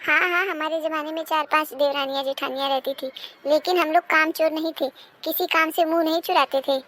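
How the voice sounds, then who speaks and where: A woman's voice: high-pitched, steady tone, brisk, a bit bright, a little hiss or hum. A woman voicing a nagging, self-pitying older mother-in-law in a cartoon. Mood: indignant. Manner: complaining, bitter, self-pitying. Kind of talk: cartoon dubbing.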